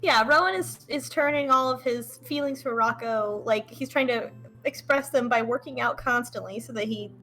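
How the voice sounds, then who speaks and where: Brief: young woman game streamer, bright and fairly high, joking off-the-cuff commentary, faint music behind. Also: normal speed, low-quality recording. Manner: playful, joking. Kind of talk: casual live commentary on a game.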